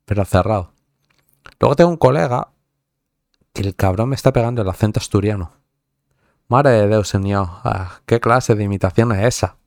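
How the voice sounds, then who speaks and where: A man's voice: lowish voice, a little fast, gravelly, darkish tone, no echo, clean studio sound. A man from central Spain with a central Spanish accent, chatting casually on a live stream, joking, swearing often and laughing at himself.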